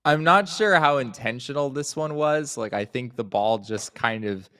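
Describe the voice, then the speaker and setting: A man's voice: mid-range voice, moderate pace, pushed and bright, clean tone. A man co-hosting a casual sports talk show, easygoing and joking. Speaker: podcast co-host.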